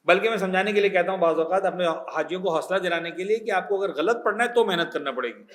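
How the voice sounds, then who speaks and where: A man with a Pakistani accent teaching a religious class as a cleric, animated, mixing in English words and checking that his listeners follow. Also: high voice, echoey room. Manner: animated teacher, checks understanding with quick questions.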